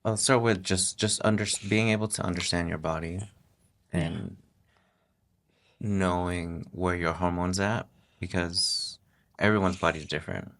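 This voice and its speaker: A deep-voiced, gravelly middle-aged man, the host's husband, appears as a guest on a podcast for a casual interview. He talks in a monotone, relaxed but halting, with many restarts.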